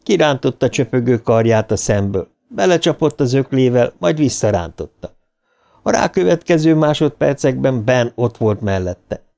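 A man narrates a horror novel in a steady, mid-pitched voice. His delivery is scripted and dramatic, rising in pitch when the action turns tense. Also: vocal fry. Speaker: audiobook narrator.

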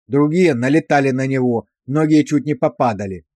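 A man narrating an audiobook in steady, measured scripted storytelling. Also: mid-range voice, no echo.

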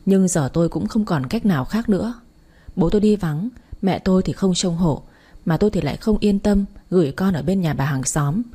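A woman reading a first-person story aloud in a steady, even way. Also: on the low side, breathy edge. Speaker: story narrator.

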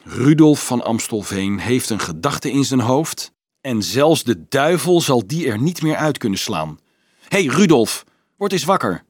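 Casting: level-headed young student, dry wit, lowered voice, from a male reader; close, dry sound. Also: a little slow, breathy edge, no echo, exaggerated voice. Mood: reasoning. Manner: calm, dry, sometimes pleading. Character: calm, mocking young male student, reasoning.

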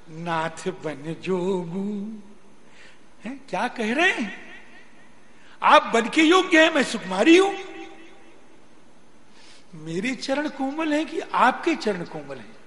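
A man's voice: high-pitched, very animated, takes it slowly, pauses often, fairly bright tone, heavily acted. A man voicing the devoted young princess Sita, pleading in a rising, emphatic way during a religious discourse. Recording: long hall reverb, faint noise.

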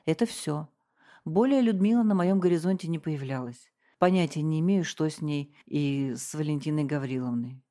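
A woman's voice: deep voice, moderate pace, dark tone. A woman reading the part of a guilt-ridden, tearful middle-aged wife who speaks meekly. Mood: subdued. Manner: meek, pleading, broken. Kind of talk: audiobook character reading.

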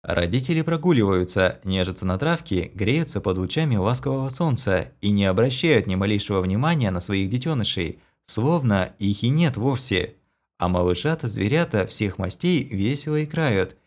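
A man reading a fantasy novel aloud as an audiobook narrator, dramatic and measured. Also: on the low side, lively intonation.

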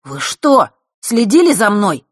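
A woman's voice: on the low side, expressive, normal speed, slightly rough, no room sound, clean studio sound. A woman voicing a stubborn, defiant runaway boy in an audiobook, snapping back at his friends. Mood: shocked angry.

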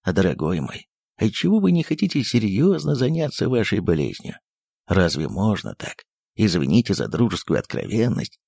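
A man voicing a fussy, sentimental elderly postmaster who speaks low and coaxingly, dropping into whispers. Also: sing-song, moderate pace, gravelly, dark tone, slightly rough, no room sound, clean studio sound, exaggerated voice. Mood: coaxing tender.

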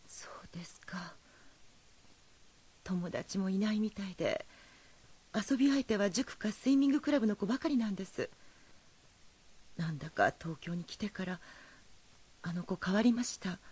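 A woman's voice: mid-range voice, normal speed, pauses often, darkish tone, husky, lightly acted. An actress playing an anxious, proper mother who speaks in polite, formal tones but grows insistent. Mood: worried. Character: anxious, proper mother fretting over her son. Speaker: worried mother.

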